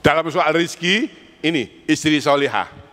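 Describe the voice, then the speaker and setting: In an echoey mosque hall, a man with an East Javanese accent delivers an Islamic sermon, putting rhetorical questions to the congregation and pressing for replies. His slightly high, somewhat bright voice has lively intonation and moves a little slowly.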